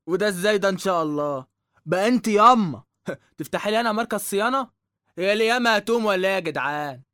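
Young egyptian mechanic guy, talks super fast, slangy, cheeky, a bit high voiced. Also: animated, fairly bright tone, no echo, clean studio sound. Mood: mocking. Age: young adult. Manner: streetwise, complaining, slangy. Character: put-upon, cheeky young working-class mechanic son. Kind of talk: dramatic dialogue.

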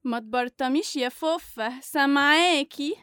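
A woman's voice: high-pitched, normal speed, fairly bright tone, a little hiss or hum. A woman playing a cheeky young Egyptian woman, brash, slangy and mocking, in a radio comedy serial. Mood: brash teasing.

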